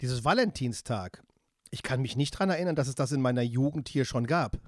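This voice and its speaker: A middle-aged man chatting casually, often restarting and trailing off into quiet mumbles. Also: medium pitch, brisk, no echo, studio quality. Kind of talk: casual chat.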